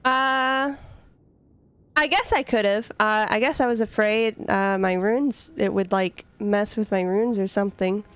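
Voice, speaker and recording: A woman's voice: medium pitch, fairly even intonation, unhurried, fairly bright tone, clean tone, dry recording. A young woman streaming a game, chatting casually and giggling to herself as she plays. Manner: giggly, chatty, talks to herself while playing. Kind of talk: casual gameplay commentary.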